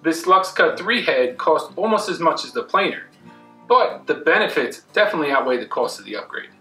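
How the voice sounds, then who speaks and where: A woodworking channel host in his thirties chats plainly and warmly to the camera in his indoor shop, his voice on the high side and sharp. The shop room echoes, and faint guitar music plays behind him.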